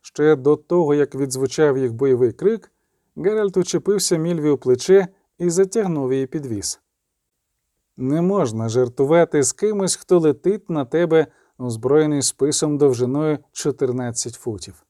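A man narrating an audiobook with animated storytelling. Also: a little high, moderate pace, dry recording, clean studio sound.

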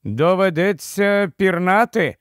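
A man's voice: high voice, expressive, slow, dry recording, clean studio sound. A man voicing a small gallant talking mouse knight. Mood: eager.

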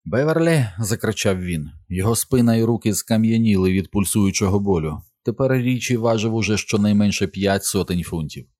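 A man reading an audiobook as narrator in a steady, measured way. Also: lowish voice. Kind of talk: scripted narration.

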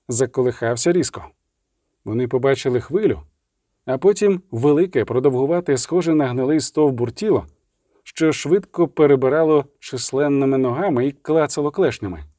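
A man narrating an audiobook with vivid, measured storytelling. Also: mid-range voice, mellow, no echo, studio quality.

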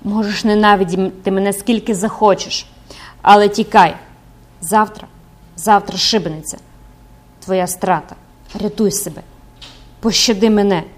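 A woman's voice: mid-range voice, steady tone, normal speed, pauses often, close to an everyday voice. A tormented middle-aged priest pours out his obsession in a pleading, feverish voice, as a woman narrator reads him. He sounds desperate and consumed, straight out of an audiobook of a gothic novel. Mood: urgent. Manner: pleading, passionate. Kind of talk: audiobook character reading.

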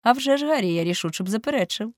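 A woman's voice: on the high side, animated, racing, no echo, clean studio sound, pitched above the performer's own voice, natural voice. A woman reading aloud voices a devoted, emotional male painter who speaks earnestly and urgently.

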